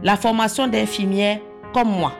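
A woman, calmly telling her life story in short, plain sentences. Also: medium pitch, measured pace, creaky. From Cameroon. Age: 40s. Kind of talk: personal testimony. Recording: soft guitar music underneath. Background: plucked guitar music.

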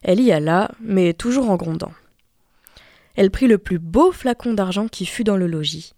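A woman reading a classic fairy tale aloud with expressive storytelling. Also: medium pitch, moderate pace, no echo, clean studio sound. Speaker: reader.

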